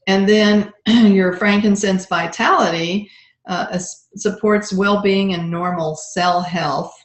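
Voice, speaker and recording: A woman's voice: medium pitch, steady tone, slow pace. A woman presenting essential oil products in a casual, chatty walkthrough, with many ums and uhs. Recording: roomy echo.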